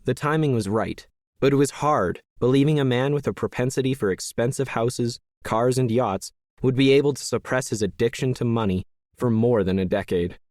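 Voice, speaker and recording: A man reading a science fiction story aloud in the first person, in a steady, measured manner. His voice sits at an ordinary middle pitch. The recording is close and dry, with no room sound. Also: no echo. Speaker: audiobook narrator. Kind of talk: scripted first-person narration.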